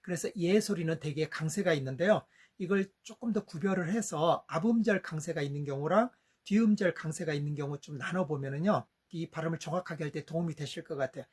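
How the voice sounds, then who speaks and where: A middle-aged man, a father, giving a patient step-by-step lesson on English vowel sounds and saying example words slowly. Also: on the high side, darkish tone, slightly rough.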